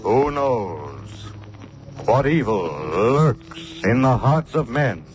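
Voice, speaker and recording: A man playing a menacing, mysterious male avenger in a 1930s radio drama, with a deep, sinister delivery. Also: big pitch swings, extremely slow. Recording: old radio recording with faint hiss. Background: dramatic music.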